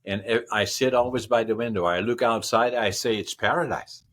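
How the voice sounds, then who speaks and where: A Dutch-speaking man in his 80s from the northern Netherlands gives casual interview answers as a podcast guest. His mid-range, fairly bright voice moves briskly. His replies run long and rambling, with repeated words and lists.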